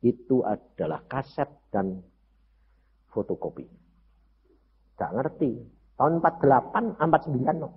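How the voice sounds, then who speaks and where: An older man preaching a sermon through personal testimony, acting out dialogue and swinging between loud high outbursts and low quiet lines. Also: big pitch swings, a little slow, pauses often, husky. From Central Java, Indonesia. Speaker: evangelist preacher. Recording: dull lo-fi sermon recording with faint noise.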